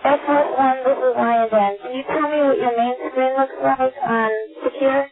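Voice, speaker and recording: A woman working as a ground station radio operator, speaking in measured, procedural military style over a walkie talkie. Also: high voice, fairly even intonation, over music. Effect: two-way radio, walkie talkie. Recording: tinny phone-like radio transmission.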